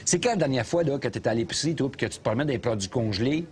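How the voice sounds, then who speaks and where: An actor plays a middle-aged Québécois taxi driver with opinions on everything, sneering and ranting from behind the wheel. His voice sits in a middle pitch, and faint background noise hangs under it inside the cab. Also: lively intonation, very fast, darkish tone, natural voice. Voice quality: sarcastic ranting, mocking. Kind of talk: scripted comedy sketch.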